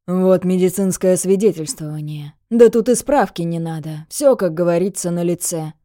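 Woman doing a strict cop captain, dark mellow tone, very dry sound, all official. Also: lowish voice, normal speed, no room sound, close to an everyday voice. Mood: stern. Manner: stern, formal official phrasing. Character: stern male police captain, firm and official.

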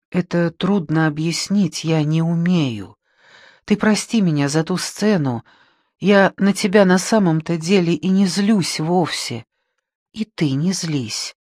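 A man reading the part of an anxious young woman who speaks in a soft, pleading way. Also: on the high side, measured pace, dry recording, clean studio sound.

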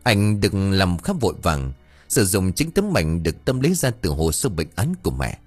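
A man narrating an audiobook story in a husky voice with lively storytelling intonation. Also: low-pitched, normal speed, no room sound, soft background music.

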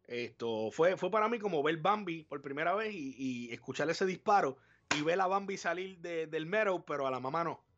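A man co-hosting a live podcast, animated and profane, acting out his reactions. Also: a little high, normal speed, highs cut off. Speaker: podcast co-host. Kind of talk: casual live podcast chat.

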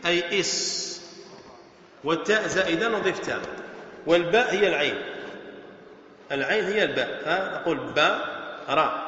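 Sheikh teaching a class, high bright voice, keeps checking if they got it, roomy echo and dull lo-fi sound. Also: male voice, a little hiss or hum. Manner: repeats and spells out, quizzes students. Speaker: sheikh teaching Arabic morphology. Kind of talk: classroom lesson explaining verse. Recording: echoey hall, dull lo-fi.

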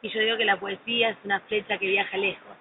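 A woman, a poet, answers interview questions in an earnest, lyrical way. The sound is thin and phone-like. Clear background noise runs underneath. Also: mid-range voice, level tone, fast. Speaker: poet guest. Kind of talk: casual interview.

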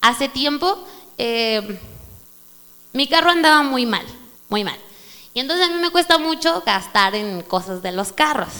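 A woman with a Mexican Spanish accent, giving a sermon testimony in a church service and telling her story in an animated way. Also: high voice, unhurried, pauses often. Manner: animated storytelling, addresses listeners as brother. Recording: reverberant hall with mains hum.

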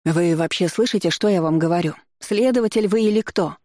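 A reader voicing a loud, stout middle-aged woman who shrieks her complaints indignantly at an investigator. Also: medium pitch, brisk, no room sound, studio quality, natural voice. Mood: insistent.

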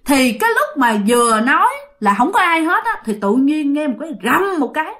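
A woman's voice: high-pitched, sing-song, brisk, fairly bright tone. A woman with a Southern Vietnamese accent telling a ghost story casually, addressing listeners directly.

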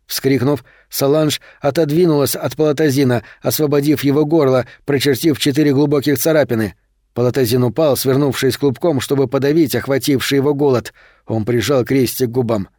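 A man narrating a horror novel as an audiobook, in a steady, measured reading. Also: medium pitch, dry recording, studio quality.

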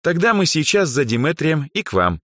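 Teasing young noblewoman voiced by a man, high lifted voice, cheeky and ironic, dry close storybook reading. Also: big pitch swings, brisk, a bit bright, no room sound. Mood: bold. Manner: ironic, cheeky, sharply raised voice. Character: teasing bold young noblewoman, self-assured.

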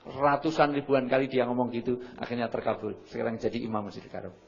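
A middle-aged man lecturing an audience, lively, acting out shouted examples and often apologizing politely. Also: medium pitch, fast, gravelly. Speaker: seminar speaker. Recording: muffled lo-fi recording.

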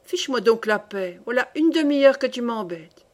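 A woman reader voicing a tired, mocking man in bed, speaking lower and resigned. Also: animated, normal speed. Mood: weary.

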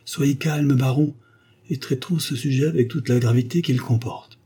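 Male narrator playing an imperious old-novel duchess: commanding, cold, solemn, pitched up. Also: normal speed, mellow, husky, natural voice. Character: imperious cold-hearted noble duchess, woman. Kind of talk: audiobook character voice.

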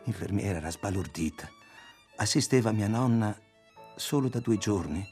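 A man reading a novel aloud as the narrator, in a measured, even delivery. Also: lowish voice, faint music behind. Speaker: audiobook reader. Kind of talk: scripted literary narration.

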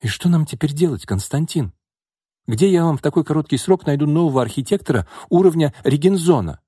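Male reader doing a tired young woman boss, anxious, higher voice. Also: lively intonation, brisk, warm tone, breathy edge, no echo, studio quality. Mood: worried. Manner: anxious, pleading. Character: young woman, weary businesswoman running a construction firm.

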